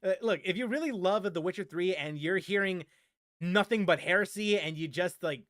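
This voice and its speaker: This man streams casual game chat, answering his viewers while rambling and frequently repeating himself for emphasis. His high-pitched voice is a bit bright and moves at a moderate pace, captured in studio quality with no room sound.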